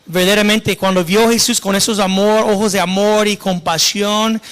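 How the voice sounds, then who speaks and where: A man's voice: high-pitched, fairly bright tone. A male pastor teaching a sermon in a conversational way, often restarting his words.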